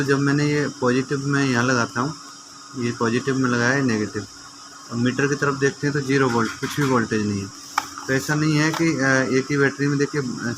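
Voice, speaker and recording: A repair tutor with a medium-pitched male voice presents an informal how-to video, walking viewers through each step conversationally as if talking to friends. Background noise can be heard.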